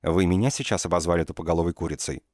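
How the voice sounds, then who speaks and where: A man's voice: racing, a little mellow, dry recording, clean studio sound. A man voicing a blunt, stubborn young woman who protests in an audiobook. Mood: indignant. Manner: higher, protesting tone.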